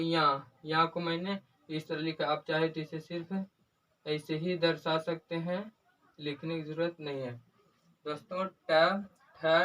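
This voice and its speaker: Man, fairly high voice, slow and repetitive teacher who keeps calling viewers friends. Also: a bit bright, rough recording. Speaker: language teacher. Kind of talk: unscripted lesson walkthrough.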